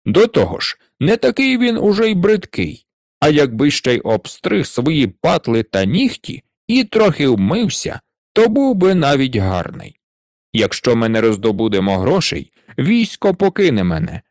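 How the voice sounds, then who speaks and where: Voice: mid-range voice, sing-song, measured pace, darkish tone, dry recording, studio quality. A narrator voicing an older, cunning prince who urgently pleads with his daughters in a fairy tale. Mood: urgent pleading. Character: worried, cunning old prince and father. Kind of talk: storybook reading.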